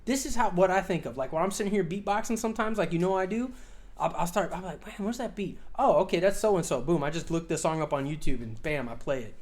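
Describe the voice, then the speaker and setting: A man's voice: fairly high pitch, quick pace. A man in his forties co-hosting a casual podcast, rambling with lots of fillers, swearing freely and laughing often. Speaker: podcast co-host.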